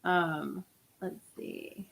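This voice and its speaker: A woman's voice: fairly low pitch, huge pitch swings, extremely slow, gravelly, a bit bright, slight background noise. A woman hosting a live stream in a casual, chatty way, her voice echoing through her desk microphone. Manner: chatty, laughs often, trails off in asides. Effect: echo on her voice from the mic. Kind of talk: casual fan chat about comics shows. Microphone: desk microphone near webcam speakers.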